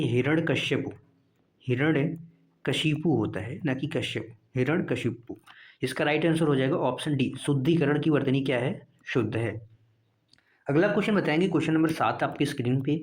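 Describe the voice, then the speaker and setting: A male teacher going through exam practice questions one by one, asking and answering his own questions and repeating each answer. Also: a little high. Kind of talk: exam prep lesson.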